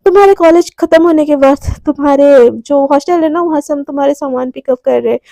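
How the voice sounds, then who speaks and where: A woman's voice: high-pitched, a little fast, gravelly, mellow, no echo. A woman voicing a cool, curt young woman who brushes others off in a storybook telling. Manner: curt, dismissive.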